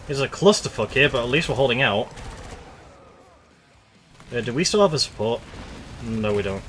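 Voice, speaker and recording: A man's voice: mid-range voice, animated, moderate pace, fairly bright tone, soft background music. A young man chatting casually while playing a game, rambling and laughing at himself. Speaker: gaming streamer. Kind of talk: casual gameplay commentary.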